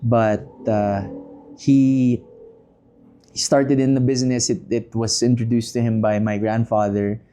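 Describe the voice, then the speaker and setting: A Filipino man in his thirties, a podcast guest speaking casually and in measured phrases with frequent pauses, mixing Tagalog into English. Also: medium pitch, level tone, warm tone, clear, resonant tone, soft background music. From Philippines. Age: 30s. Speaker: podcast guest, business leader. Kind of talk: casual interview talk.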